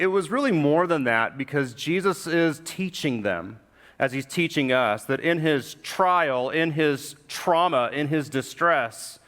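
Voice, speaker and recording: A man preaching a sermon, reflective and measured, slowing and dropping quiet when he quotes scripture. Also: medium pitch. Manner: reflective, slows for emphasis, drops quiet when quoting scripture. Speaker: pastor. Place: church sanctuary. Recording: long hall reverb.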